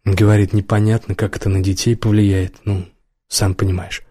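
A gloomy, weathered young stalker who speaks in short, sullen lines. A man reads him in a mellow, darkish voice, recorded dry and close. Audiobook dialogue. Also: lowish voice, flat delivery, normal speed, breathy edge, no room sound. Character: gloomy grey-haired young male stalker.

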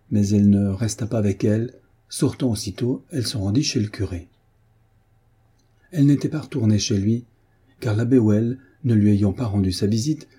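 Dark, husky male audiobook narrator. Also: lowish voice.

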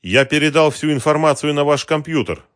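A man's voice: on the high side, normal speed, fairly bright tone, dry recording, studio quality, voice pushed up, lightly acted. A man doing a whining, sarcastic operator. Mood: weary sarcastic. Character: worn-out grumbling male computer operator. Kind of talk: audiobook character voice.

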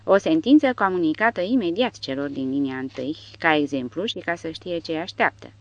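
A woman narrating an audiobook in a dramatic, expressive reading style. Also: sits low. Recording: dull dry recording.

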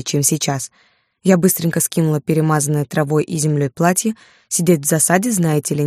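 A woman reading an audiobook in the first person, with lively, ironic storytelling. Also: low voice, dry recording, studio quality. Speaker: audiobook narrator.

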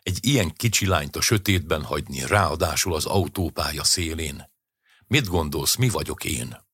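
A man voicing a soft-hearted car thief who is driving, in a storybook reading. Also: extremely low pitch, lively intonation, breathy edge, dry recording, studio quality, exaggerated voice. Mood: indignant.

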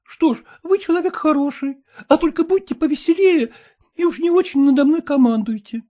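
A man reading aloud, voicing a coy, lively young factory girl in a raised voice. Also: very high voice, a little fast, voice pushed up. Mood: pleading.

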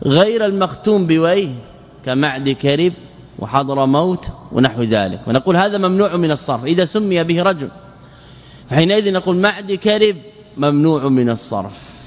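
A man's voice: fairly high pitch, lively intonation. Man lecturing in a reverberant hall. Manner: recites verse lines slowly, then asks rhetorical questions and answers them. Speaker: Islamic scholar teaching Arabic grammar.

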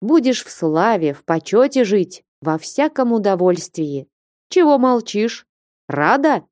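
A stern old merchant father with a hot temper bellows his commands. A woman voices him in a storybook reading, her tone warm and mellow, close and dry. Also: mid-range voice, sing-song, measured pace, dry recording. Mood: coaxing. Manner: commanding, blustering, shouting in anger.

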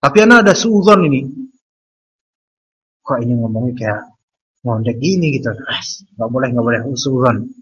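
A man's voice: medium pitch, animated, moderate pace, long pauses, fairly bright tone, husky, dull audio. A man with an Indonesian accent, an Islamic preacher, telling an anecdote in a casual, chatty way during a religious lecture, sprinkled with Arabic religious phrases.

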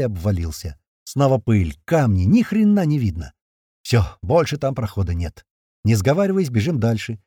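A man's voice: medium pitch, warm tone, breathy edge, no room sound, clean studio sound. A man narrating a first-person action audiobook in a terse, punchy, slangy manner.

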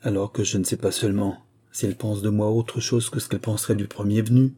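A self-assured old general muttering wryly to himself, as a man reads him. The voice stays low, dark and husky. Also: level tone, fast. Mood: annoyed. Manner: grumbling, wry inner monologue. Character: self-assured older male general, a suitor.

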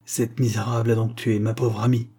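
A man's voice: mid-range voice, little pitch movement, brisk, mellow, lightly acted. A man voicing a sour, self-righteous elderly spinster who hectors and accuses. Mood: accusing.

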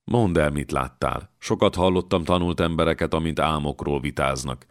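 A man voicing a calm, curious young scholar who questions and explains. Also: a bass voice, no echo, studio quality.

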